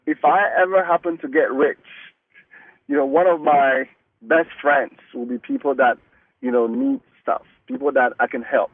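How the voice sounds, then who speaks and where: Over a dry, tinny, phone-like line with no room sound, a slightly high-voiced man is heard as a guest in a relaxed interview. He comes from Cameroon, speaks Mungaka as his first language, and talks earnestly, often stopping to begin sentences again.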